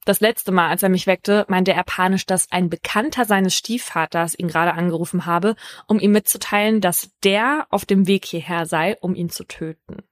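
A woman hosting a true crime podcast, telling a case in a measured, scripted first-person narration. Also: on the low side, dry recording, studio quality.

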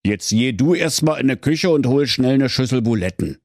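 A man's voice: mid-range voice, animated, normal speed, a little mellow, no echo, studio quality, voice pushed up. A man voicing a cocky, bossy teenage male wolf with a thick Berlin dialect and brash slang.

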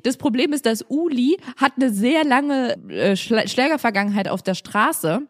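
A woman co-hosts a comedy podcast, riffing through a made-up hostage scene. Her voice sits high and swings animatedly. The recording is dry and close. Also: moderate pace, no echo. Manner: lively, acts out a gruff kidnapper mid-chat. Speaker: podcast co-host. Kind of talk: comedic improvised role-play chat.

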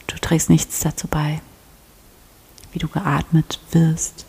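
A woman leading a guided prayer meditation, speaking softly and often in a half-whisper with calm instructions. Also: deep voice, slow pace, gravelly, husky. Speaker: prayer leader.

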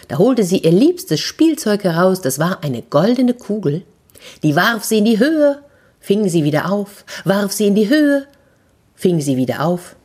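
A woman's voice: low-pitched, a little mellow, slightly rough. A woman telling a fairy tale to children, speaking to them directly and expressively. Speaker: children's storyteller. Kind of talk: storytelling for children.

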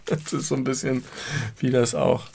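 Gravelly-voiced man in casual podcast chat. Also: mid-range voice, warm tone. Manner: joking, nitpicky about word stress. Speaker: podcast co-host.

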